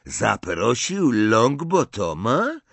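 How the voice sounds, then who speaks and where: A man's voice: medium pitch, sing-song, very slow, creaky, a bit bright, no echo, voice pushed up, full character voice. A man voicing an arrogant, spoiled teenage boy in an audiobook, speaking with a scornful drawl. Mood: sneering.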